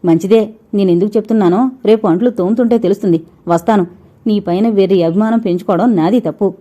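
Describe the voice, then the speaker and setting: Woman doing domineering mother, loud scolding, very dark mellow voice, storybook reading. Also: medium pitch, fast talker, lightly acted. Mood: bitter. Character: proud domineering middle-aged mother, sharp-tongued. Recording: dull lo-fi recording.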